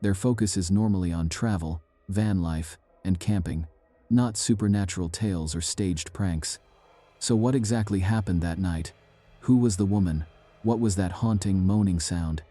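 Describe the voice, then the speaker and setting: A man narrates eerie tales in a slow, measured, ominous way. His voice sits very low and dark, recorded close and dry with no room around it. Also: no room sound. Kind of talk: scripted narration.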